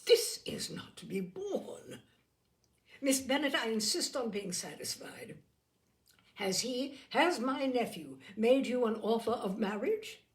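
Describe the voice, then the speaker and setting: A woman performs an older aristocratic lady from a classic novel audiobook, haughty and easily outraged. She declaims in commanding, emphatic phrases. Her pitch leaps and falls with great animation. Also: big pitch swings, slow pace. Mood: outraged, demanding.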